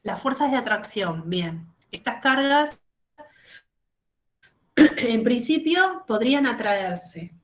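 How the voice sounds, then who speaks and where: A woman's voice: a little high, big pitch swings, slow, pauses often. A woman teaching a chemistry lesson over a video call, explaining step by step and checking often that students follow. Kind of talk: online class lecture.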